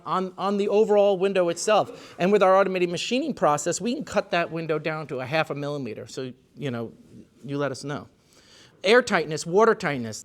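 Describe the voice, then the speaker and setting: High-voiced man presenting windows. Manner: enthusiastic, technical, with fillers and restarts. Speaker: window company representative. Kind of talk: product presentation.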